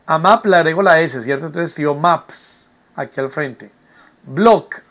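A man's voice: fairly high pitch, a little slow, a bit bright. A man, teaching an English lesson from home, patient and repetitive, often checking that students follow. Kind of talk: recorded online class explanation.

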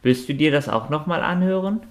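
A man reading aloud, voicing a friendly, lively woman who chats and laughs easily. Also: mid-range voice, moderate pace, natural voice. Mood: chatty.

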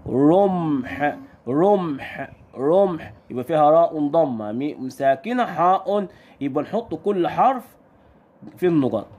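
Lively Egyptian man teaching small children. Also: on the high side, husky. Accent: Egyptian Arabic. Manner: sing-song, drawing out sounds slowly, quick questions to the children. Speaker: primary school Arabic teacher. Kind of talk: recorded lesson for young children.

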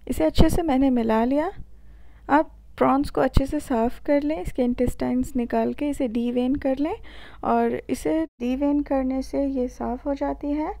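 Indian woman, cooking channel host, high mellow voice, calm step-by-step voice-over. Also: vocal fry. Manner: calm step-by-step instructions with filler pauses.

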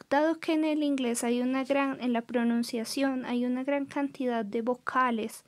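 High-voiced woman teaching slowly. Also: a little mellow. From Colombia. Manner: slow, clearly modelled pronunciation, switching between English and Spanish. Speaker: English teacher. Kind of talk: recorded classroom lesson.

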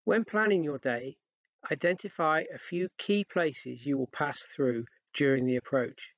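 A man's voice: a little high, measured pace, dry recording. Dry, dull-toned male voice-over. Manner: even, read-out instructions. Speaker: narrator. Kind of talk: scripted voice-over narration.

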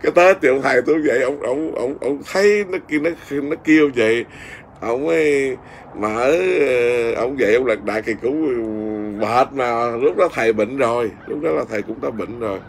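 A man's voice: mid-range voice, normal speed, a little hiss or hum. A middle-aged man, a Buddhist monk with a Southern Vietnamese accent, telling a story in casual conversation with a lot of fillers and restarts. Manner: rambling, with many fillers and restarts.

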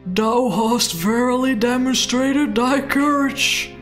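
A woman voicing an ancient, dying male tree spirit, reading game dialogue aloud in a slow, solemn, archaic way. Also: a little high, faint music behind, pitched above the performer's own voice.

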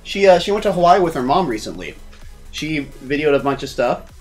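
A man's voice: a little high, lively intonation, fairly quick, soft background music. A man co-hosting a casual channel update, rambling and teasing his partner. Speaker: channel co-host. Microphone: phone or laptop mic.

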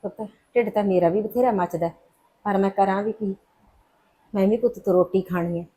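A woman's voice: fairly high pitch, a little fast, a little mellow, a little hiss or hum, natural voice. A middle-aged woman with a Punjabi accent playing a mother who scolds and coaxes her daughter in a short film drama. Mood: coaxing. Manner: scolding then coaxing. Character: worried mother torn between son and daughter.

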